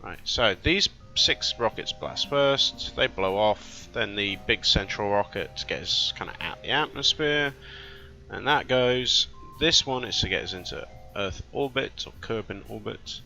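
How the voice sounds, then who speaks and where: A man's voice: fairly low pitch, expressive, unhurried, vocal fry, bright, forceful tone, faint music behind. A man giving casual let's-play commentary, thinking aloud as he plays and often correcting himself mid-sentence. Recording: dull lo-fi recording.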